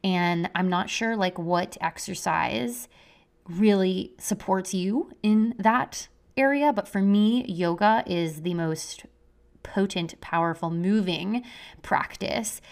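A woman's voice: medium pitch, slow pace, gravelly. A woman hosting her own podcast from her living room, talking casually and gushing, with many "like" fillers. Her voice is muffled because she is recording under a blanket. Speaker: podcast host and health coach. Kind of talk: casual solo podcast monologue. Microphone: podcast mic under a blanket.

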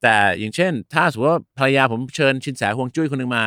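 Guy chatting in a dead-dry room, patient, spells out english words, mid pitch. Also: fast, pushed and bright, no room sound. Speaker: co-host explaining English words. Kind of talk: casual chat mixing English terms.

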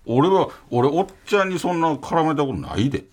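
A man with a Kansai accent, co-hosting a comedy radio talk show and teasing his partner in quick back-and-forth. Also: a little high, sing-song. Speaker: radio co-host.

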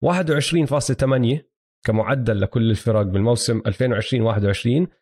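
A man's voice: mid-range voice, racing, a little mellow, breathy edge. A man with a Palestinian-Jordanian Levantine Arabic accent chatting casually as a sports co-host, explaining his points and mixing in English basketball terms. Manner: explanatory, checks listener follows, mixes in English basketball terms. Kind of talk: casual sports analysis chat.

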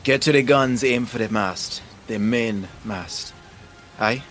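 A man playing a commanding male ship captain who gives curt, gruff orders. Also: medium pitch, slow, fairly bright tone, soft background music.

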